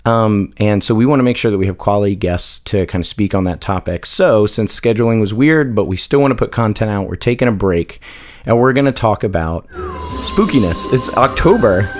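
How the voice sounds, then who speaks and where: A man with a hoarse, scratchy voice, co-hosting a casual podcast chat and rambling with plenty of fillers. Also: fairly low pitch, brisk. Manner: relaxed, rambling with many fillers. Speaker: podcast co-host.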